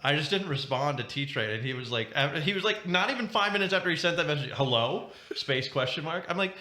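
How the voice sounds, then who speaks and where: A man's voice: on the high side, expressive, quick pace, pushed and bright. A young man on a podcast, telling a rambling story with lots of laughs and asides. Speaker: podcast co-host. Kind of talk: casual chat. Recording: roomy echo.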